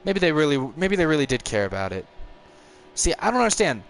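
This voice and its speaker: A nineteen-year-old gaming streamer chats casually on a live stream as he plays a racing game, rambling and reacting to the race. His voice is a little high, sing-song and gravelly. He's talkative and meandering, gets frustrated quickly, and chuckles now and then.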